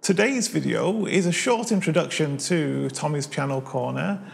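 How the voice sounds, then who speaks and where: A man in his forties from Manchester, England, hosts his own channel and chats to camera about his piano hobby in a Mancunian accent. His gravelly voice sits on the high side and moves at a moderate pace, and his manner is chatty, self-deprecating and full of friendly storytelling. It was recorded on a lapel mic in a living room, with slight background noise.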